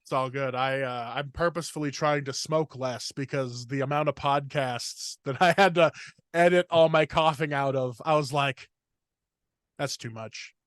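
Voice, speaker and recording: A man's voice: mid-range voice, fairly even intonation, a bit bright, clean tone, no echo. Rambling man, dry close mic. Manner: rambling, filler-heavy, fast torrent of words. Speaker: podcast host, comedian. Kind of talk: casual podcast chat.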